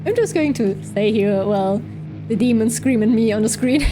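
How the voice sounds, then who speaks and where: A woman's voice: a little high, normal speed, over music, rough recording. A woman streamer chatting casually while playing a game, often giggling and reading the game's text aloud. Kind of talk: casual game let's play commentary.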